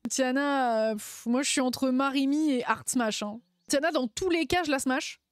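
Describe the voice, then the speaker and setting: A woman's voice: high-pitched, normal speed, no echo, studio quality. A woman streamer chatting casually and playfully, laughing often and using lots of slang. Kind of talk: casual live-stream chat.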